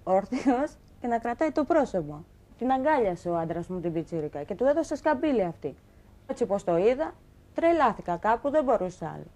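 A young woman appears as a guest on a talk show, giving an emotional account of her own life. She tells it animatedly in a fairly high voice, acting out the lines she quotes.

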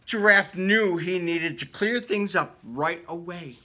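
The reader is a man whose high, pushed, bright voice moves slowly through a picture book for children. He reads theatrically and breaks off with casual questions to the young listeners, inside a room decorated with book cut-outs.

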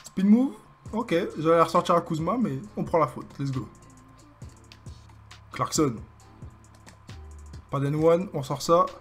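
Young male streamer, French accent, excitable playful game commentary, slightly high voice, light music bed. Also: a little slow, long pauses, husky. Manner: excitable, joking, hyping his own plays. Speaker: gaming streamer. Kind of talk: live gameplay commentary.

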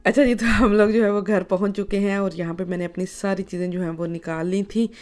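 A woman's voice: mid-range voice, steady tone, a little fast, darkish tone, soft background music. A woman, narrating her home vlog in a chatty way, full of filler phrases. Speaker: vlogger.

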